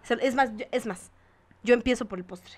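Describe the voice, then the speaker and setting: A woman's voice: on the high side, normal speed. Teasing Mexican woman co-host. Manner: teasing, laughs often, trails off quietly. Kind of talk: casual chat. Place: radio show studio.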